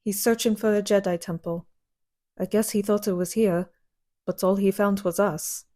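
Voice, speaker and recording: A woman's voice: medium pitch, fairly even intonation, moderate pace, dark tone, close to an everyday voice. A woman playing a stern, fiery young woman warrior who speaks in blunt, clipped lines.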